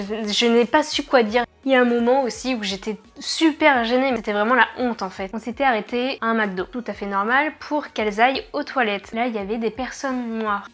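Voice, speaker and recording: A woman's voice: fairly high pitch, a bit bright. Young French woman, chatty vlog storytelling. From France. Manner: chatty, frequent hesitations, wry asides. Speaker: vlogger. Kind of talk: casual chatty storytelling to camera.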